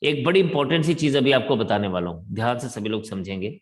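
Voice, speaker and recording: A man teaching math in a classroom lecture, talking slowly and deliberately in a mix of Hindi and English. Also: mid-range voice, animated.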